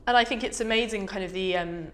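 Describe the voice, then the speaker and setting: A woman with a mid-range voice hosts a relaxed interview. She frames her questions at length, thinking them through as she goes. Her tone stays casual and conversational. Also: mid-range voice, fast talker. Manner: thoughtful, long winding questions.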